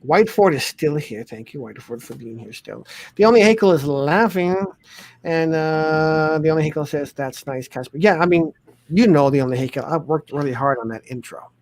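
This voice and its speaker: A man hosting a casual livestream, reading the chat aloud with teasing, deadpan remarks. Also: fairly high pitch, normal speed. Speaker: livestream host.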